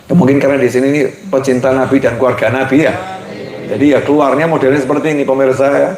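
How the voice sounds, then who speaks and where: Playful preacher, echoey hall. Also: male voice, medium pitch, flat delivery, fast talker, a little mellow. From Indonesia. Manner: playful, chatty, slips into Javanese and laughs often. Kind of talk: lively Islamic sermon. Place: large mosque hall.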